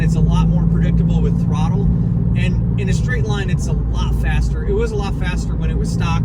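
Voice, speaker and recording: A man giving a casual, opinionated car review vlog in informal language from inside a car. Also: high voice. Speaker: car channel host. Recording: loud car and road noise. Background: car and vehicle noise.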